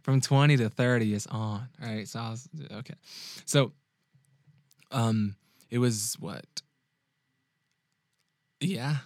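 A man hosting a podcast, telling a personal story in a casual, animated way, laughing often and restarting his sentences. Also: mid-range voice, takes it slowly, pauses often, no echo, clean studio sound. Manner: animated, laughs often, frequent restarts and check-ins with the listener. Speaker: podcast host and dating coach.

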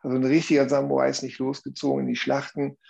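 A man's voice: mid-range voice, monotone, quick pace, creaky, a little mellow. A man explaining a view earnestly in conversation, often checking in with tag questions.

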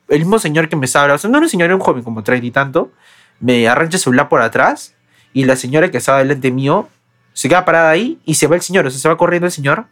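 Peruvian guy in his 20s rattling off a story super fast, kinda high voice, lots of restarts. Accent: Peruvian Spanish. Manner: fast, animated anecdote-telling with many restarts. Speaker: podcast co-host. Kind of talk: casual storytelling chat.

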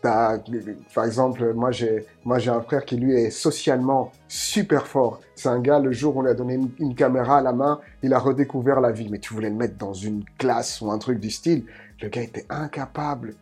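A man's voice: mid-range voice, steady tone, moderate pace, darkish tone, breathy edge, soft background music. A man sharing his thoughts in a podcast talk, earnest and reflective, often restarting and repeating words. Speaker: podcast co-host.

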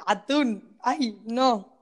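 A woman's voice: fairly high pitch, drawn-out words. A woman from Argentina with an Argentine accent, co-hosting a casual podcast and talking playfully with frequent laughs. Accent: Argentine Spanish. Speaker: podcast co-host. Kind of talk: casual chat.

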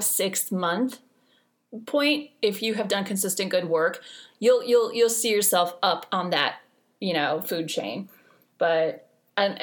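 A woman in her forties hosting a podcast, giving casual advice in a chatty way with dry humor and lots of fillers. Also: medium pitch. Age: 40s. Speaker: podcast host.

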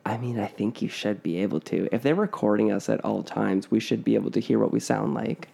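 A man's voice: on the low side, a little fast, gravelly, dark tone. A man co-hosting a podcast, telling a spooky family story in a casual, rambling way full of fillers and restarts. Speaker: podcast co-host.

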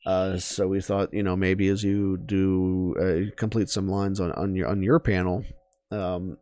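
A man's voice: low-pitched, little pitch movement, measured pace, darkish tone, dry recording. A man co-hosting a podcast, chatting casually with lots of fillers and restarts. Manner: rambling, many fillers and restarts. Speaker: podcast co-host. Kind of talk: casual chat.

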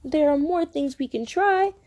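A woman doing a gentle, kind little meerkat. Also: sits high, expressive, normal speed, voice pushed up. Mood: pleading. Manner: soothing, encouraging, sing-song rhyme.

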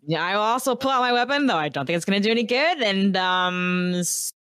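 A woman's voice: mid-range voice, expressive, fairly quick, fairly bright tone, no echo, clean studio sound. A woman chatting casually as a player in a tabletop game, informal and wry.

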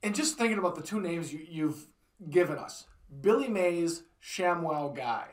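Male podcast panelist, high register, profane casual joker, echoey and off-mic. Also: expressive, moderate pace. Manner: profane, joking. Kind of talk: casual comic banter. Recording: roomy, distant from the mic.

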